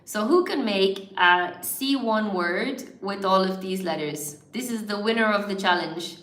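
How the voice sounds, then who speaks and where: Hosting a live word game, this English teacher from Ireland, whose accent is mild and largely neutral, chats warmly, encourages her viewers, laughs a lot, and calls out names. Her medium-pitched voice is animated, fairly bright, and a little slow. Echo from the room is audible.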